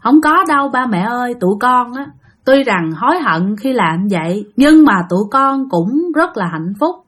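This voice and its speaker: A woman's voice: fairly high pitch, big pitch swings, moderate pace. A woman voicing the tearful ghost of a young man who speaks through a possessed woman and pleads with his parents. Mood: consoling.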